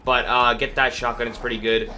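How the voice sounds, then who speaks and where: A congested, sniffling man with a cold hosts a laid-back gameplay walkthrough, hesitant and rambling, full of fillers. His medium-pitched voice is level, fairly quick and sharp in tone. Background noise comes through clearly.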